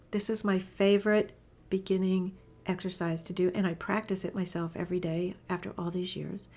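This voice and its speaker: A woman teaching a gentle spoken lesson, soft-spoken and often dropping into whispers, enthusiastic with light laughs. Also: medium pitch. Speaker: animal communication teacher.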